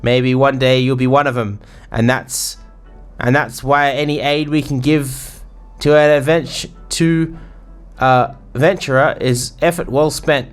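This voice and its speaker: A man's voice: mid-range voice, steady tone, a little slow, clean tone, faint music behind, natural voice. A man voicing a boisterous, bawdy male sailor innkeeper in a put-on English pirate accent, full of salty slang. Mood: jovial. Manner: salty slang, rambling banter.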